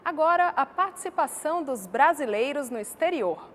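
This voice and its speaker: A woman presenting a television program in a crisp, announcer-like way. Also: sits high, animated, normal speed. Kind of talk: scripted broadcast presenting.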